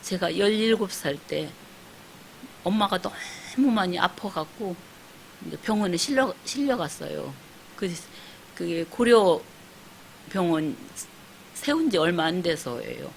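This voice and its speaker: A woman in her sixties gives an emotional testimony at a church service in a fairly low voice. She tells her story earnestly, leans on fillers and acts out what others said. A faint hiss runs under the recording. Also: animated, slow pace, vocal fry, long pauses, rough recording. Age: 60s. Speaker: pastor's wife giving testimony.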